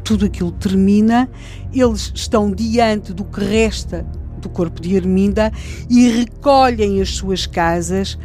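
A woman's voice: mid-range voice, measured pace, warm tone, soft background music. A woman with a European Portuguese accent retelling a historical case in conversational, dramatic detail, with restarts and fillers. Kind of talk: conversational true-crime retelling.

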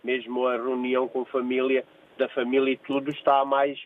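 A man's voice: mid-range voice, monotone, normal speed. An older man born in Angola, calling in from work to a radio show, chatting and often repeating himself. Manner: repeats phrases, hesitant restarts. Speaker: caller. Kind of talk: phone-in chat. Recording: tinny phone line.

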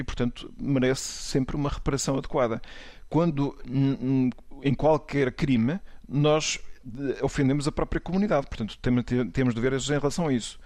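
Measured Portuguese priest, dry sound. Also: male voice, mid-range voice, darkish tone, no echo. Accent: European Portuguese. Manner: measured, hesitant, restarts often. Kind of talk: panel discussion.

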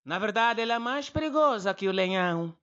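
A male comedian voicing a calm, wise old grandfather who speaks slowly and gently. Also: sits high, clear, resonant tone, lo-fi sound, voice pushed up. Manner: slow, unhurried, gently teasing.

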